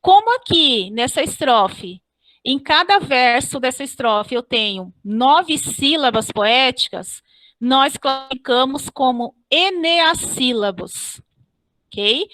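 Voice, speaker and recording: A woman teacher giving an online class. She explains step by step, spells out syllables slowly and keeps checking with "ok?". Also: high-pitched, animated, fairly bright tone, dry recording. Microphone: computer mic on a video call.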